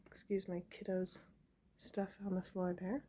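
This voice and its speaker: A woman's voice: fairly low pitch, level tone, unhurried, warm tone, a little hiss or hum. A young woman chatting casually at home, showing an item to her camera with small laughs and plenty of fillers. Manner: chatty, giggly, many fillers. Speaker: homesteading vlogger. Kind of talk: casual show-and-tell. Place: home indoors.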